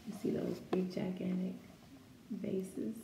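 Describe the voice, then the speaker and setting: Reading a picture book to children, a woman uses a mellow, fairly low voice and a slow, deliberate pace that stresses key words. As a story-time reader, she stays encouraging and expressive and drops in asides to the kids. Her echoey room carries faint background noise.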